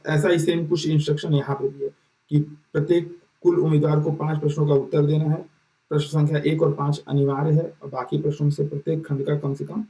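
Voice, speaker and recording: A man's voice: on the high side, mellow. A man teaching an exam-prep lesson in a casual, explanatory way, often checking in with his listeners and restarting his sentences. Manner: repeats "ठीक है" as a check-in, many fillers and restarts. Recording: roomy echo, distant mic.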